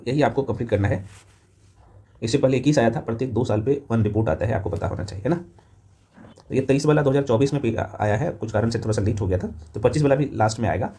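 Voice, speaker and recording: A man with a very quick, mellow delivery teaches like an informal tutor. His voice sits at a middle pitch with a slightly husky edge. He keeps throwing short check-in questions at his students as he runs through revision facts. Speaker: teacher of a current affairs exam class. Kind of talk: fast revision lecture to camera.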